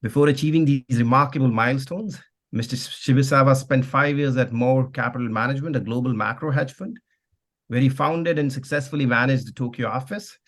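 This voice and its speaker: A man's voice: medium pitch, brisk. Man hosting a podcast interview. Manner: reads the intro, then asks rambling questions with fillers. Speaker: podcast co-host.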